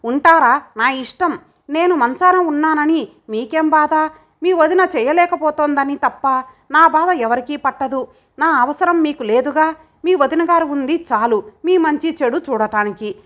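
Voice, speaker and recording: A woman reading a sick, proud mother, sharp and wounded. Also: high-pitched, moderate pace, close to an everyday voice. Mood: indignant. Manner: tearful then biting, breathless. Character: ailing, proud middle-aged mother, sharp-tongued when hurt. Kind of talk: audiobook character voice.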